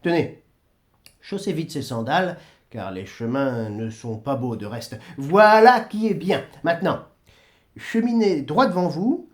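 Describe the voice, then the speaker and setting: A man's voice: a little high, lively intonation, a little slow. A man reading aloud and voicing a jovial old male saint who keeps heaven's gate, hearty and welcoming.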